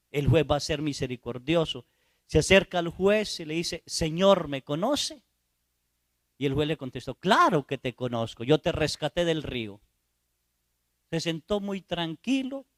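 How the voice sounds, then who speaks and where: Priest preaching, tells little stories and acts out voices, kinda high voice, dry sound no room. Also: male voice, dry recording. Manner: storytelling preacher who acts out voices and asks "¿sí?". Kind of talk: sermon.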